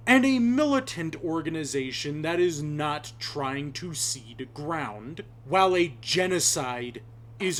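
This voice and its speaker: A young man from Las Vegas speaks his mind in a personal commentary video. His fairly high voice swings widely, and he talks slowly and deliberately. He sounds choked up at times and climbs into angry, raised outbursts. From Las Vegas, Nevada. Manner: slow, impassioned, rising to shouts of anger. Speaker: vlogger.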